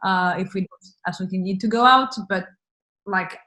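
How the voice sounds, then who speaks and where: A French woman, a guest on a video call, chats casually with a mid-range voice, speaking a little fast in a sharp tone. Her interview talk is loose and full of "like" and "uh," with easy laughter throughout.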